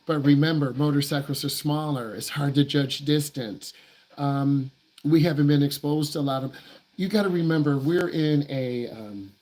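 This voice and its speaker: Answering viewers' questions on a live stream, this driving instructor is blunt and emphatic, repeating points to stress them. He has a mid-range, slightly mellow voice, and the recording is low quality.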